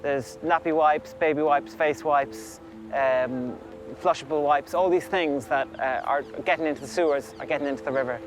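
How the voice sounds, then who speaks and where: A man's voice: on the high side, steady tone, moderate pace. A man leading a river clean-up, earnestly explaining to camera outdoors by a river. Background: music.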